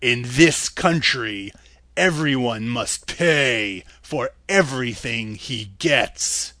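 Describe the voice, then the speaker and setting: A man voicing a stern, commanding wizard's head, speaking slowly and loudly. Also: mid-range voice, lively intonation, dry recording, voice pushed down. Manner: slow, loud, commanding. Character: Oz as a great head, male, booming and stern.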